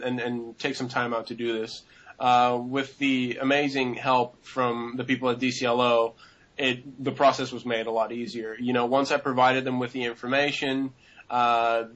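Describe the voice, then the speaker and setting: A young man in his twenties talks through an interview in a loose, rambling manner, full of fillers and restarts. His voice sits at an ordinary middle pitch. The audio is dull and lo-fi. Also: fairly bright tone. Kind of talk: casual interview answers.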